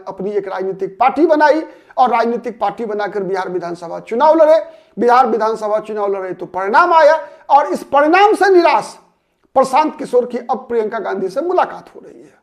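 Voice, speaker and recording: A man delivers political commentary alone as host of his own show. He builds the case step by step and returns again and again to the same names and key terms. Every so often he stops to ask a rhetorical question, then answers it himself. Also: extremely high pitch. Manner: analytical, poses rhetorical questions and answers them; repeats names and key words for emphasis. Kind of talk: solo political commentary to camera.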